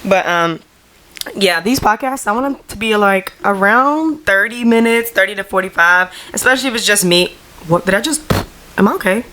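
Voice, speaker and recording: A woman's voice: medium pitch, normal speed, bright, forceful tone. A young adult woman hosting her own podcast at home, chatting in a loose, rambling way, full of "like" and casual slang. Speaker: podcast host. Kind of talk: casual solo podcast chat. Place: at home in front of a camera.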